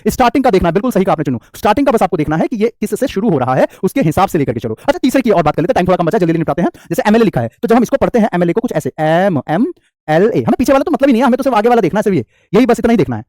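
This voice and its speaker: Fast, lively Indian teacher quizzing his class. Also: sits high, no echo, clean studio sound. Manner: bilingual, quizzing students with questions and answering himself. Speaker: online English teacher. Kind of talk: live online class.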